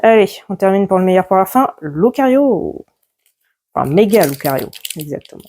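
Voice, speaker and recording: A woman's voice: medium pitch, expressive, fast, darkish tone. A woman chatting casually as she opens trading card packs, listing each card as it comes out. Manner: chatty, lists cards one by one. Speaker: YouTuber opening card packs. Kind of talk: casual pack-opening commentary.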